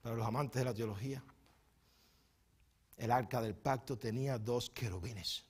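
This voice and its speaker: A man preaching a sermon as pastor in a church, moving between quiet teaching asides and loud, fervent bursts, often stumbling and repeating words. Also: normal speed, husky. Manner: swings from soft, low teaching asides to loud, high impassioned preaching.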